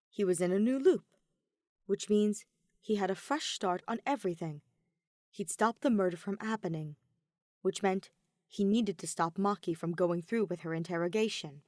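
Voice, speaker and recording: A woman with a medium-pitched, darkish voice narrates scripted fiction for an audiobook in a dramatic storytelling style. The clean studio recording has no room sound.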